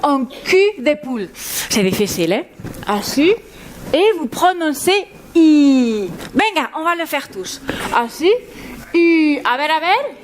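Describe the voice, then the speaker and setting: Woman comic doing a chirpy spanish teacher lady, heavy spanish accent, high voice, teasing the crowd on stage. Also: big pitch swings, unhurried, slight background noise. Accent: Spanish accent in French. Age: young adult. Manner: playful, teasing the audience, mixing Spanish into French. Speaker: stand-up comedian. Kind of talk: stand-up character act. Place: theatre stage before a live audience.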